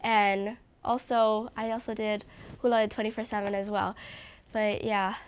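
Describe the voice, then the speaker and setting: A woman's voice: mid-range voice, level tone, moderate pace, smooth. A young woman from Hawaii, a recording artist being interviewed, talking earnestly and openly with a slightly congested voice. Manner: earnest, open, frequent "like". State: a little congested. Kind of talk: casual interview chat.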